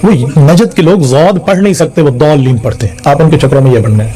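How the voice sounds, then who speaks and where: Dark-voiced man chiding in a sermon. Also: on the high side, animated. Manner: blunt, chiding. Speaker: Islamic scholar. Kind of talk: religious talk.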